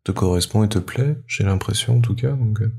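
A man of about thirty interviews a guest with a relaxed, teasing manner. His voice is low and slightly husky, and he talks at a fast clip. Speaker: podcast host, interviewer. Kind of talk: casual interview chat.

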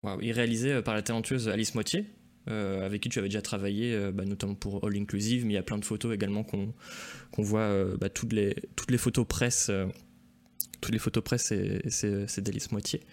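A man's voice: fairly low pitch, steady tone, brisk, a little mellow. Enthusiastic male morning-show host. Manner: enthusiastic, admiring, hesitant fillers. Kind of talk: casual interview chat.

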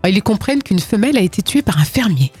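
A woman co-hosting a casual morning radio show in a studio, telling news stories with a giggly, animated manner. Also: medium pitch, breathy edge. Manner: giggly, animated, quick to laugh. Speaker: radio co-host.

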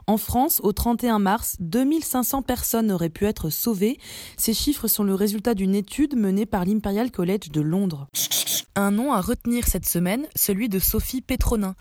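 A woman presenting a segment of short news briefs in a clear scripted delivery. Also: mid-range voice, normal speed, dark tone, no echo, studio quality.

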